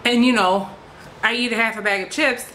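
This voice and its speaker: Woman vlogger, casual rant, frustrated, swearing, bright forceful voice, faint hiss behind. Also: fairly high pitch, steady tone, fairly quick, low-quality recording. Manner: frustrated, swears freely, many fillers.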